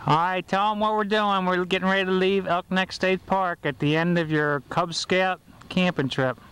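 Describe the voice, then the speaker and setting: A woman's voice: lowish voice, steady tone, normal speed, a bit bright, smooth. A woman filming a home video, coaxing children to talk to the camera, heard through old camcorder audio. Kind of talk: casual home video chat.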